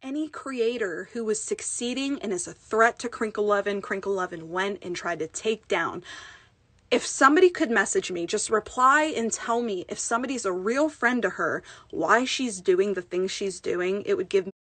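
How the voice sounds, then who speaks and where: A woman's voice: mid-range voice, lively intonation, a bit bright, breathy edge, dry recording. A woman ASMR creator ranting in an angry call-out, swearing heavily and stumbling over restarts, upset and shaken. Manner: heated, swearing, halting restarts.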